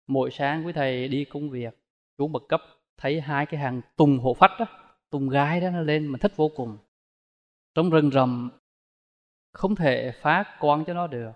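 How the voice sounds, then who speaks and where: A man, a Buddhist monk giving a dharma talk in a folksy, storytelling way full of rhetorical questions. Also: fairly high pitch. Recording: long hall reverb.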